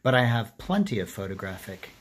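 A man's voice: on the low side, sing-song, a little fast, slight background noise. A middle-aged man recording a casual personal vlog on a handheld phone, rambling and self-deprecating as he talks. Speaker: running vlogger. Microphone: phone at arm's length.

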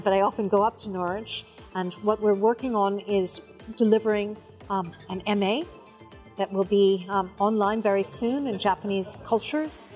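A middle-aged woman who works as an exhibition curator and research director explains her work in an on-camera interview. She is filmed indoors in a museum exhibition gallery. Her voice is mid-range with a darkish tone.

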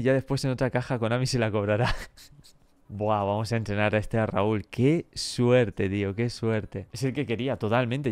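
A young man with a Spain Spanish accent giving casual, excitable commentary on his football game, bursting into shouts at good luck. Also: mid-range voice. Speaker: gaming YouTuber.

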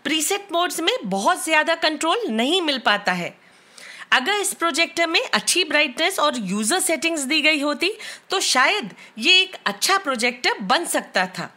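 A woman with an Indian accent reviewing tech products, explaining in a clear, matter-of-fact way. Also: high-pitched, big pitch swings, moderate pace, pushed and bright. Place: bedroom at home.

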